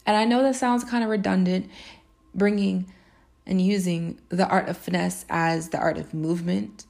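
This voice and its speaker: A woman's voice: medium pitch, gravelly, a little mellow. A woman hosting her own podcast, talking through her thoughts in a musing, spiritual and playful way. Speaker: podcast host. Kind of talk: reflective solo podcast monologue.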